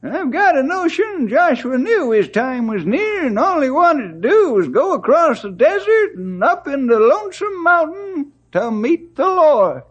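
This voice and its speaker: An actor playing a steadfast, plain-spoken forest ranger leader in an old-time radio western, folksy and earnest, on a vintage radio recording. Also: male voice, extremely high pitch, big pitch swings, measured pace, few pauses, lo-fi sound, full character voice. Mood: solemn, reflective.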